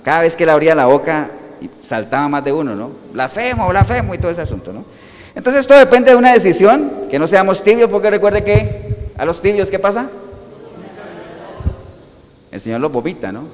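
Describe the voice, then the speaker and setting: Preacher, male, fairly high voice, lively sermon delivery full of rhetorical questions, long church-hall reverb. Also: brisk. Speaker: pastor.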